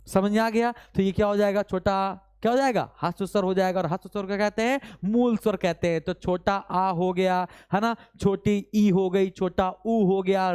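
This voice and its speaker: A man teaching a live online grammar class, constantly quizzing his students with quick repeated questions and urging them to answer fast. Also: sits high, a little mellow, smooth. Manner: urges students to answer fast, mock-scolding; reads out student names from chat.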